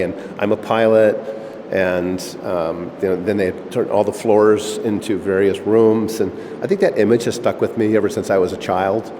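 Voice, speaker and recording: A middle-aged man who owns an old missile silo, talking in a relaxed, rambling way with fillers, recorded inside a concrete chamber. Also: lowish voice. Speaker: missile silo owner giving a tour. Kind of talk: casual conversational interview. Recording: echoey concrete chamber, faint background noise.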